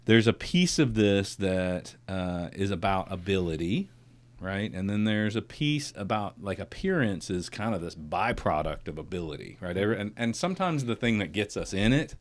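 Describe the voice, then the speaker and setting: A man in his forties hosts a casual podcast conversation with a very low, deep voice. He talks reflectively and builds toward emphatic points. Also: very animated, moderate pace. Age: 40s. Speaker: podcast host.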